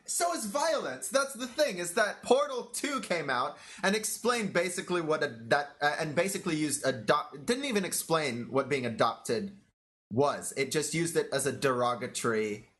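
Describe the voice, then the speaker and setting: A man co-hosting a podcast who jokes and swears his way through the argument. His voice sits slightly high and bounces through a wide, lively pitch range. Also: normal speed. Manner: joking, profane, laughing often. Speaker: podcast co-host. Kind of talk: casual joking debate.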